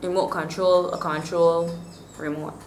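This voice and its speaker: Low-pitched young woman with a Bajan accent. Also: unhurried. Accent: Bajan (Barbadian). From Barbados. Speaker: vlogger. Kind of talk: casual chat to camera, accent tag. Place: small bare-walled room indoors. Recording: roomy echo, faint background noise.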